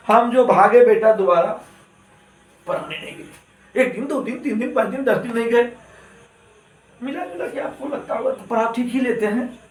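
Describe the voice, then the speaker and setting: A man, a chemistry teacher telling his class a joke in an animated way. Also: sits high, a little hiss or hum. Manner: animated, addresses students as beta. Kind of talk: classroom storytelling, joking. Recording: echoey classroom from far off.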